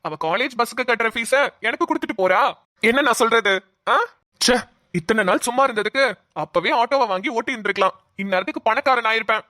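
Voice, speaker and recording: Cartoon role: quick, bright, teasing young man, played by a woman. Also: fairly high pitch, no room sound, clean studio sound, pitched below the performer's own voice. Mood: cheeky. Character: cheeky young man, playful teaser. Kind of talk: cartoon voice acting.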